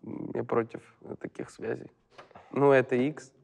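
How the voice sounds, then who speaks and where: Young man, mid-pitched gravelly voice, slangy swearing guest, long hall reverb. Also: flat delivery, unhurried, darkish tone. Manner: slangy, swears often, fills with "типа" and "бро". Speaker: guest musician and producer. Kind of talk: casual chat.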